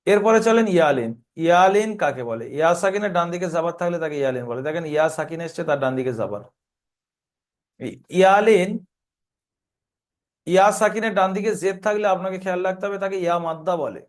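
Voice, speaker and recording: A man teaching an online Quran reading lesson in a Kolkata Bengali accent, patiently spelling out letter sounds. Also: high voice. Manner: patient, slow when drilling letter sounds.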